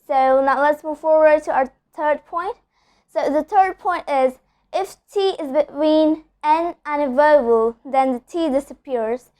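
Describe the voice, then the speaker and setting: A woman's voice: high voice, unhurried, warm tone. A young woman teaching English pronunciation in an online lesson, patiently repeating example words and checking in with "okay?".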